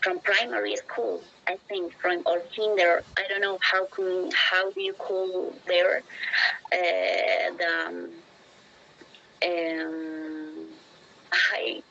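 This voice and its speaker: A woman's voice: on the low side, flat delivery, takes it slowly, vocal fry, sharp tone, a little hiss or hum. A woman practising English conversation, hesitant and searching for words with many fillers, over a video call. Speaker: English learner. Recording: dull lo-fi audio.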